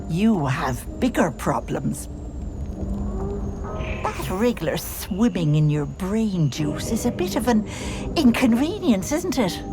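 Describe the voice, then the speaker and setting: A woman voicing a bossy, sly old auntie hag in a video game, folksy and cajoling, with menace under the sweetness. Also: medium pitch. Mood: impatient menace.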